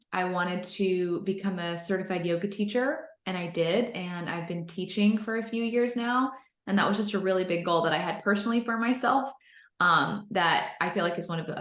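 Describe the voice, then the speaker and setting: An American woman in her thirties from North Carolina, a business founder appearing as an interview guest, answers questions in an upbeat, enthusiastic, conversational way. Her mid-range voice has a fairly bright tone. The sound is roomy and echoey.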